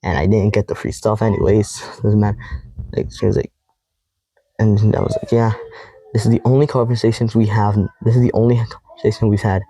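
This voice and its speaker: A young man vlogging casually to camera, reading out old text messages in a rambling, halting way with heavy sighs. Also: on the low side, no echo, rough recording. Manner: quoting text messages in a flat tone.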